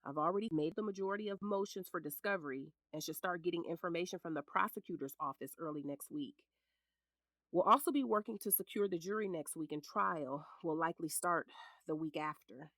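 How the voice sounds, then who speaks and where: In an audio drama, an American actress plays a middle-aged lawyer who is sharp-tongued, protective and scornful toward her ex-husband. Her lowish voice is brisk, blunt and commanding, with a businesslike, steady mood and no room sound.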